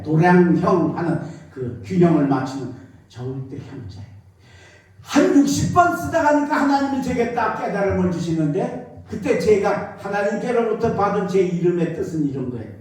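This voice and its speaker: An older male pastor telling a personal story in a sermon, emotional and swinging between loud and hushed delivery. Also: sits high. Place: church sanctuary. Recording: echoey church hall from far off.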